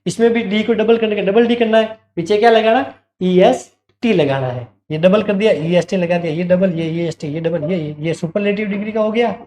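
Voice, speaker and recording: A man's voice: sits high, brisk, darkish tone, reverberant. A male teacher giving an online exam-prep grammar lesson, explaining step by step, repeating key words and asking the class questions.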